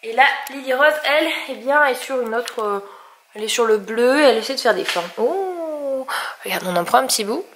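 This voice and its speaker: A high, light-voiced woman coaxing her small children through a play session in a gentle, patient tone. She narrates a casual home vlog between moments with the kids. The room is echoey, and the clatter of dishes and household noise carries behind her. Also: lively intonation, fairly quick. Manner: soft, patient, coaxing talk to toddlers. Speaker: mother filming her young children.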